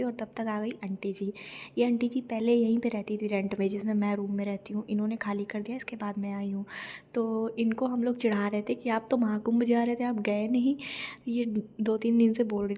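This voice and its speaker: A woman vlogging casually at home, telling her day in a chatty, lively way. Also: fairly high pitch, a little hiss or hum. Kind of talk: casual home vlog narration.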